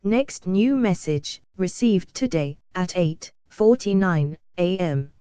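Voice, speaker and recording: A woman as a slow mechanical answering machine. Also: fairly low pitch, clean tone, dry recording. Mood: flat. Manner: slow, clipped, flat announcements.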